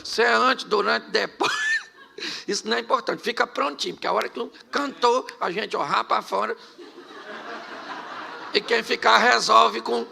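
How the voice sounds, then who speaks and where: A man preaching a sermon in a joking, lively storytelling way, with sudden loud bursts. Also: high-pitched, vocal fry, a little hiss or hum. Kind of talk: humorous sermon.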